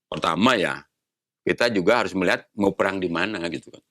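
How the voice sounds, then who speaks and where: Man, 60s, retired admiral guest, low voice, patient explainer, rhetorical questions. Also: a little fast, sharp tone, no room sound, studio quality. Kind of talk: casual interview conversation.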